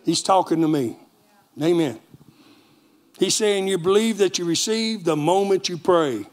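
A man preaching a lively sermon in a church with a Texan accent, calling for amens from the congregation. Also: sits high, measured pace. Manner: animated preaching with call-and-response. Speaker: pastor.

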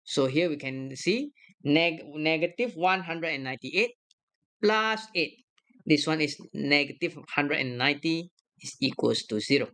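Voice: medium pitch, expressive, measured pace, fairly bright tone. A math lecturer talking through a worked problem step by step on a screen recording, checking each sum aloud. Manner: works aloud step by step, checking their own sums.

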